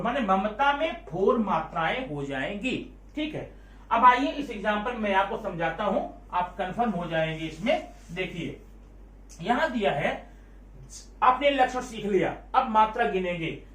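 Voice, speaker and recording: A man's voice: high voice, lively intonation, a little slow, fairly bright tone. A man teaching a Hindi grammar lesson, repeating each point and quizzing his students, with numbers counted in English. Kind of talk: classroom lesson explaining Hindi verse meter. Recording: echoey room, voice from a distance.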